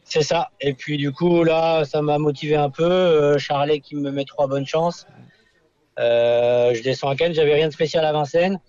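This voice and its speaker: A man's voice: fairly high pitch, steady tone, normal speed, darkish tone, lo-fi sound. A young man, a harness racing driver, answering radio interview questions hesitantly with many fillers and restarts. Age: young adult.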